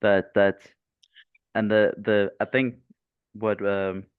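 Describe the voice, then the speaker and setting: A male interview host speaks from a video call. His voice is low and smooth, and he searches haltingly for his words. The audio is dry and narrow, like a phone line. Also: flat delivery, no room sound. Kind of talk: conversational interview.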